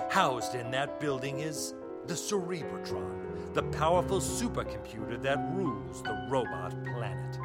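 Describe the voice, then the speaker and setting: A man's voice: mid-range voice, lightly acted. A man playing a dramatic, theatrical announcer narrating a retro radio serial.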